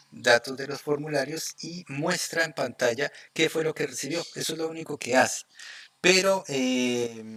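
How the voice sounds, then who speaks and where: A man's voice: medium pitch, fairly bright tone. Man teaching a live coding lesson. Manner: explains step by step, often checking in with "¿cierto?" and "¿ok?". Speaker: programming instructor.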